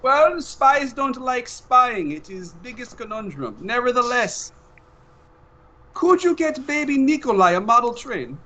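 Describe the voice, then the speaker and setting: A man's voice: very high-pitched, sing-song, measured pace, sharp tone, pitched above the performer's own voice, exaggerated voice. A man playing a doting older spy father who speaks broken English. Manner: broken-English, fond, bossy.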